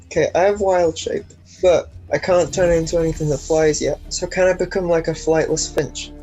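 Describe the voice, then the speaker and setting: An eager tabletop player asking question after question at a medium pitch, with faint music underneath. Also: fairly even intonation, moderate pace, dark tone, low-quality recording. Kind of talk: casual tabletop play.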